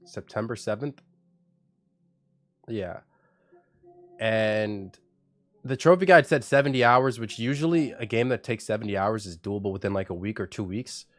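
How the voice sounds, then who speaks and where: A man's voice: fairly low pitch, normal speed, pauses often. A man with a stuffy, congested voice, chatting casually on a live game stream, thanking viewers and rambling with lots of restarts. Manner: thanks viewers by name for subscriptions. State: congested from a cold.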